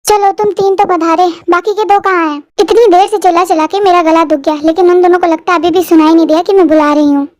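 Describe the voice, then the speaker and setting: A very high-voiced reader playing a bossy young woman who scolds the household. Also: fairly even intonation, fast talker, hardly any pauses, dry recording, studio quality. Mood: scolding.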